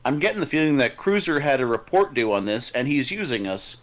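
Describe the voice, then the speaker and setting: Teasing man with a lively voice. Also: medium pitch, brisk. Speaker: panelist. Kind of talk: casual panel discussion.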